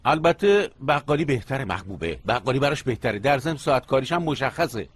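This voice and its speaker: Middle-aged dad, easygoing and joking, voice leaps around a lot. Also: male voice, mid-range voice, very animated, slightly rough. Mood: soothing. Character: good-humored middle-aged father, shopkeeper's husband. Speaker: father. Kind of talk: Persian dubbing of a TV series.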